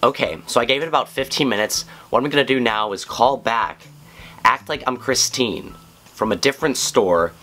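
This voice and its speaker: A man's voice: lowish voice, bright, forceful tone. A man in his twenties talking casually, as a prank caller and video host in a living room. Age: 20s. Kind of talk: casual vlog and prank call talk. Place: small indoor living room, on a couch.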